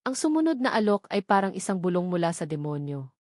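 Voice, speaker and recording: Quick, very animated, and darkish in tone, a woman's lowish voice with a Filipino accent reads a scripted dramatic story as an audiobook narrator. It's studio-quality audio with no room sound.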